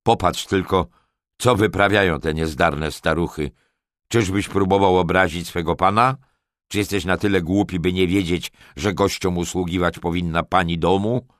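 A man voicing an arrogant, bullying nobleman in an audiobook, loud, mocking and commanding. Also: deep voice, a little slow, dry recording, studio quality. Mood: scornful. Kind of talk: audiobook character voice.

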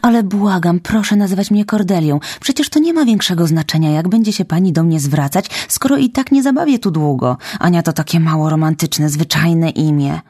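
Storybook: high-pitched, theatrical orphan girl, voiced by a woman, pleading and dreamy. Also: fairly even intonation, normal speed, a little mellow, no echo, studio quality. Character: young orphan girl, dramatic, dreamy, tearful.

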